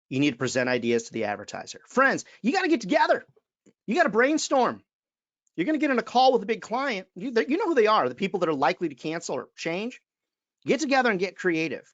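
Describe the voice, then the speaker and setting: A man's voice: sits high, big pitch swings, fairly quick, no room sound, dull audio. A man, giving an emphatic webinar talk as a sales trainer and calling his listeners friends. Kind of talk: webinar presentation.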